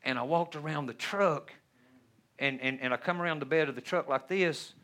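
Folksy, bright-voiced preacher. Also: male voice, on the high side, normal speed. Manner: folksy, humorous preaching with sudden swings between loud and hushed. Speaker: pastor. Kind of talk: sermon. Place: church sanctuary.

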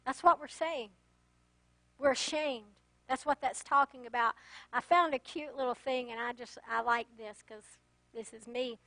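A woman's voice: sits high, steady tone, a little slow, bright, forceful tone, dry recording, rough recording. A woman pastor preaching an earnest sermon that rises to emphatic exhortation.

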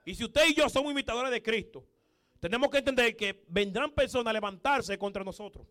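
High-voiced preacher. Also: male voice, brisk, a bit bright. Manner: emphatic, repetitive, punchy exclamations. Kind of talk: sermon.

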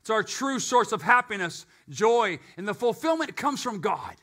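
A man preaches a live sermon in church, his voice sitting high and sounding bright and forceful. He swings from loud, emphatic lines to quiet, low stretches. He drops joking asides along the way. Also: lively intonation, normal speed. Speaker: pastor.

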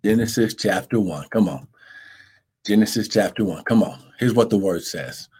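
A man's voice: fairly low pitch, lively intonation, normal speed, darkish tone, slightly rough. A man preaching an impassioned live-streamed Bible sermon, exhorting emphatically with repeated phrases and drawing out scripture for weight.

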